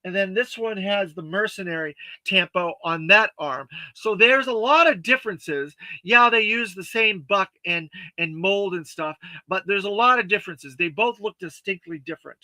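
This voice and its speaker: A man hosting a toy review livestream, chatting casually and reading viewer comments, halting with many fillers and thanking viewers earnestly. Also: high voice, sharp tone, dry recording. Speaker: toy review show host.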